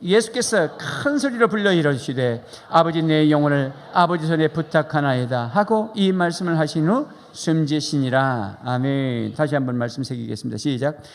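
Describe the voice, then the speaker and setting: In a large church sanctuary, a man preaches as pastor in a fairly high, expressive voice at a moderate pace, barely pausing. His fervent, repetitive sermon mixes passionate prayer with questions and repeated phrases as he leads the congregation in loud calls and responses. The live recording carries hall reverb, music, and slight background noise.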